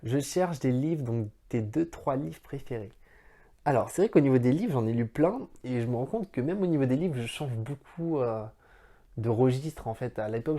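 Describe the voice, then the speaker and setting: Man, warm low-key tone, casual to-camera Q&A host, chatty. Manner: friendly, talks straight to the viewer as tu; chatty, rambling asides. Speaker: YouTuber answering viewer questions.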